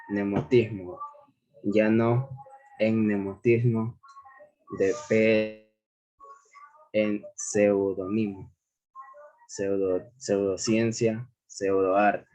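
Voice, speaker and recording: A man presenting to his class, reading haltingly with pauses and restarts. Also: on the low side, a little mellow. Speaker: student presenter. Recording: dull lo-fi call audio.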